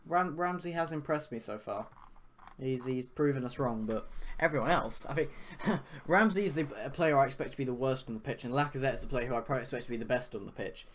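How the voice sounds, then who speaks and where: A man's voice: medium pitch, fast. A young man, giving casual, rambling live reactions to a football match into a streaming microphone. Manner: casual, rambling, thinking aloud. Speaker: fan reaction host. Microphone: computer microphone for live stream.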